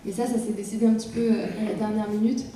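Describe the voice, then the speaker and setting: A woman's voice: on the high side, little pitch movement, fast, mellow, slight background noise. A young adult woman, an actress guest, telling stories at a festival panel, hesitant with many fillers. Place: large hall. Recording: echoey hall from far off.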